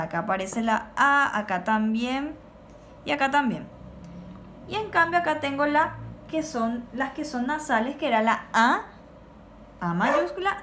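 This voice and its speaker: Woman, teacher, remote children's lesson, slow clear word drills, slight hiss. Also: sits high, fairly bright tone.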